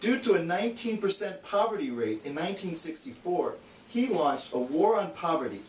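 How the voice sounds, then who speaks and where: A man with a high, sing-song, a little mellow voice speaks at a moderate pace. As straight man to the puppets, he gives a scripted educational explanation in an earnest, matter-of-fact way. The audio is distant and echoey, with faint noise.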